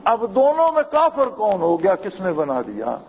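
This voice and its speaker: A man's voice: high-pitched, wildly swooping pitch, husky. A man giving a sermon, emphatic and full of rhetorical questions. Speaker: preacher. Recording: muffled with long hall reverb.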